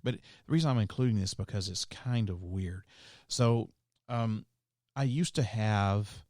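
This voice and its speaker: Low-voiced guy doing his solo podcast, opinionated, lots of ums, dry sound. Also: measured pace, a little mellow, no echo. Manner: rambling, opinionated, many fillers and restarts. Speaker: podcast host. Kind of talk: casual solo podcast monologue.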